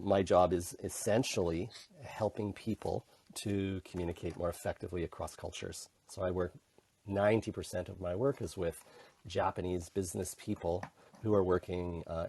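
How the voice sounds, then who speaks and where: A man's voice: deep voice, fairly even intonation, normal speed, creaky, mellow, breathy edge. A middle-aged man with a Canadian accent, a podcast guest casually telling his own story with frequent restarts. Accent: Canadian English. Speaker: podcast guest, intercultural communication consultant. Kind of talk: casual conversational interview.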